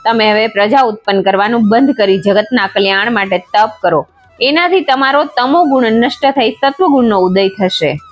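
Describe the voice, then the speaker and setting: Ancient male creator god, commanding, calm instructive tone, slightly high voice, as a woman narrator reads him, faint music behind. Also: moderate pace. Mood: stern.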